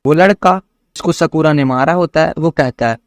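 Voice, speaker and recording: A man's voice: a little high, moderate pace, no room sound, clean studio sound. A man narrating an anime episode recap, telling the story step by step and reading out the characters' lines with a lifted voice. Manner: plain storytelling, reads out characters' lines with a raised voice.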